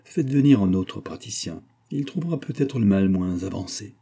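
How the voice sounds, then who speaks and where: Man reading a blunt, grave old doctor, dark husky voice, measured. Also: on the low side, animated, exaggerated voice. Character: grave older male doctor, blunt but calm.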